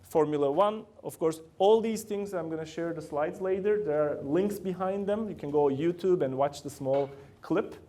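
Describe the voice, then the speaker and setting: This Turkish-accented, middle-aged man lectures students at a university as a guest, using a fairly high, warm voice at a moderate pace with few pauses. His grammar is loose, and he often asks the room questions.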